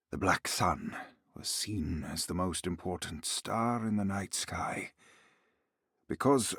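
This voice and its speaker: An actor playing a solemn narrator who reads ancient occult lore in a hushed, husky voice that drops to a whisper, in a scripted game narration. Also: male voice, low-pitched, no room sound, studio quality, full character voice. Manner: solemn, ominous, deliberate. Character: grave male narrator reading ancient lore.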